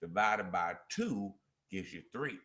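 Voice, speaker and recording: A man hosting a relationship advice chat, emphatic and preachy, quoting scripture and repeating key points slowly. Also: lowish voice, animated, a bit bright.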